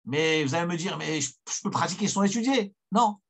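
A rabbi teaching a weekly Torah study, his voice set high for a man and carrying a husky edge. He tells the story emphatically and circles back over key phrases to drive them home. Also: animated, fairly quick, a bit bright.

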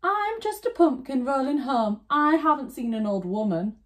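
A woman's voice: high voice, animated, normal speed, pitched above the performer's own voice. A woman putting on a crafty little old granny. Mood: innocent. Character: crafty little old grandmother, cheerful and clever.

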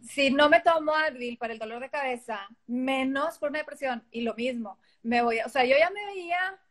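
A woman's voice: high voice, normal speed, fairly bright tone. A middle-aged woman with a Mexican accent, a guest in a casual interview, talking animatedly and acting out quoted dialogue. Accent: Mexican Spanish.

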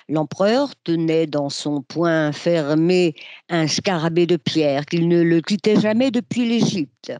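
A reader narrating a historical novel aloud in a measured, expressive way. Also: medium pitch, no echo. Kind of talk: literary reading aloud.

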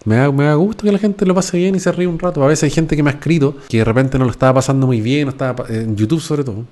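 A man's voice: medium pitch, quick pace, a little mellow. Chilean man, 40s, podcast host at home, slangy, swears a lot, keeps asking the listener if they follow. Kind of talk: casual chat. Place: at home, indoors. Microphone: podcast microphone.

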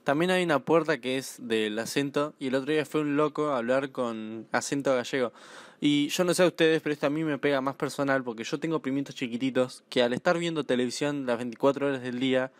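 A man's voice: mid-range voice, quick pace, no echo. A young man with an Argentine accent giving crude, sarcastic comic commentary on TV clips. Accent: Argentine Spanish. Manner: crude, sarcastic, swears a lot. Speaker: YouTube commentator.

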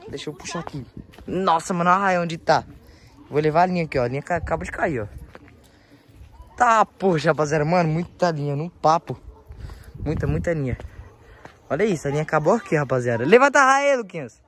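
A young man with a São Paulo Brazilian accent, chatting casually and excitably in slang to a handheld phone outdoors as he vlogs. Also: a little high, fast talker, pauses often. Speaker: vlogger. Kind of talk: casual vlog chat. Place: outdoors in a residential yard. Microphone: handheld phone, held by the speaker.

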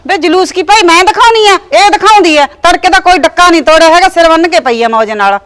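An actress voices a sharp-tongued old village mother-in-law in a comedy drama. She scolds and grumbles constantly, and her voice sits very high. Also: fast talker. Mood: scolding. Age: older. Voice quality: scolding, nagging.

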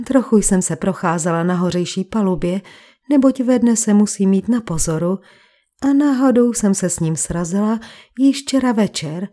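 A woman's voice: mid-range voice, lively intonation, dark tone, lightly acted. A woman voicing a secretive young woman who earnestly explains herself in a crime audiobook. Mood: pleading.

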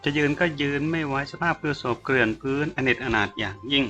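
A man reading a novel aloud as an audiobook narrator, with a bright, forceful tone. His storytelling is measured and steady, with soft music underneath. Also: mid-range voice, highs cut off.

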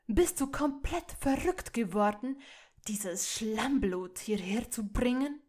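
Female reader doing a contemptuous older nobleman for a fan audiobook, loud and scornful, pitched fairly high and slow. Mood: sneering. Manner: loud, sneering, raised voice. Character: cold haughty older male aristocrat, contemptuous. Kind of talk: audiobook reading of fan fiction.

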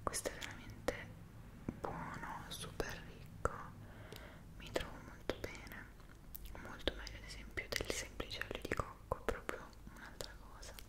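A woman whispers a casual, unhurried ASMR chat, very hushed and close to the microphone, pausing to search for words. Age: 20s. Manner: hushed whisper, speaking very softly. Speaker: ASMR creator. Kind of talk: whispered ASMR chat about personal routine. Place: small indoor room. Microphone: two close side microphones in front.

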